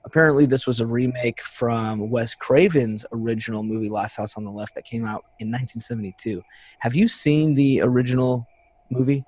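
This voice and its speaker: A man's voice: medium pitch, fairly even intonation, brisk, a little mellow, no echo. A man in his thirties hosting a podcast, telling a rambling story in casual chat and acting out the people he quotes. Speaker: podcast host.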